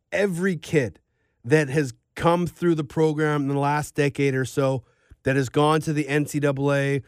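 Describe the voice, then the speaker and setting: Guy doing a sports podcast, kinda high voice, casual and rambly, really dry sound. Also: clean tone, no room sound. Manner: rambling, conversational.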